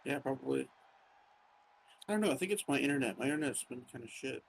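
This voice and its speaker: A man's voice: mid-range voice, animated, fast talker, vocal fry, slightly rough, low-quality recording. A man chatting casually as a co-host over a Discord voice call, laid-back with brief replies. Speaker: co-host on voice chat. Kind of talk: casual chat.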